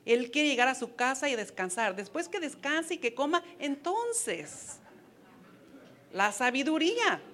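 A woman's voice: high voice, very animated, unhurried, a bit bright. A woman preaching a sermon to wives, earnest and advising, with playful asides. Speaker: women's ministry speaker.

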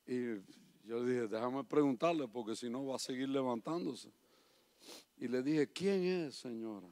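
A man preaching a sermon, moving between quiet personal stories and loud, impassioned appeals. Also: medium pitch, normal speed. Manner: swings from soft storytelling to loud impassioned preaching.

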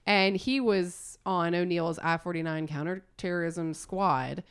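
A woman hosting a casual interview, chatty and excitable with quick laughs. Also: fairly low pitch, smooth. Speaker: podcast host.

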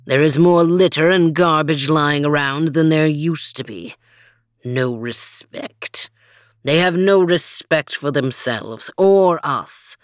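A resentful male wolf grumbles to the forest council, voiced by a woman storyteller. The voice is very low, slow and growling, recorded dry and close. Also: no echo.

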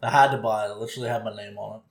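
A man's voice: lowish voice, steady tone, very fast, roomy sound. A man co-hosting a podcast in a joking, laid-back casual chat. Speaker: podcast co-host.

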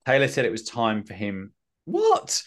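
A man's voice: on the low side, expressive, brisk. A man hosting a podcast, recapping in a rambling, self-mocking way with many fillers. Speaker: podcast host. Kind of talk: casual recap chat.

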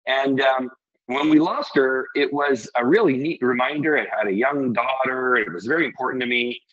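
A man's voice: medium pitch, normal speed, a bit bright, highs cut off. A middle-aged man from Iceland who owns a restaurant and brewery, talking casually in an interview, rambling and earnest with many restarts.

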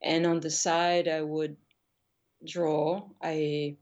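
A woman's voice: deep voice, little pitch movement, very slow, darkish tone, highs cut off. A middle-aged woman from Argentina, a painter being interviewed, talking in a thoughtful, hesitant way with many restarts. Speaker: guest painter. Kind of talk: casual interview conversation.

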